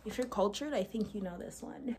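A woman's voice: mid-range voice, brisk, mellow. A young woman vlogging on her phone in a chatty, slangy, playful way. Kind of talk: casual vlog chat. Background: music playing.

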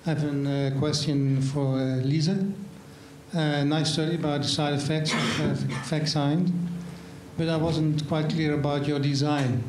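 A man in the conference audience asks a panelist a question in a flat, fairly high voice, hesitating on fillers. The echoey hall rings around him, with a faint hum underneath. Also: unhurried. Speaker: audience member asking a question.

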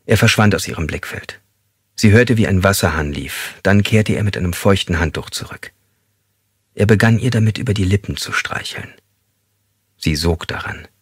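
A man reading a thriller audiobook in an even, measured way. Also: low voice, husky, no room sound, clean studio sound. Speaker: audiobook narrator. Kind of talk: scripted thriller narration.

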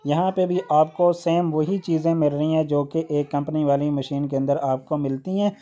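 A man hosting a how-to video, explaining a workshop machine step by step with occasional hesitant "uh" pauses. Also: fairly high pitch, steady tone, mellow. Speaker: electrician channel host.

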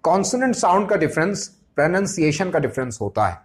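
Man, english teacher, fairly high voice, slow deliberate explaining. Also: very animated. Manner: slows down and stretches words when explaining English terms. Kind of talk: explanatory lesson.

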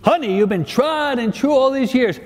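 A priest doing an exasperated old husband. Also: male voice, extremely high pitch, expressive, normal speed, pitched above the performer's own voice. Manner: repeats himself louder and louder to a deaf wife. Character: old married southern man, fed up with his wife. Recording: reverberant church hall.

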